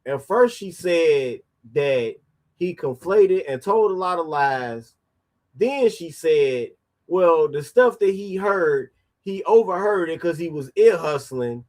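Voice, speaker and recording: A man's voice: a little high, animated, takes it slowly, a little mellow. A man commenting on a video clip he is reacting to, cutting in with sarcastic, exasperated remarks.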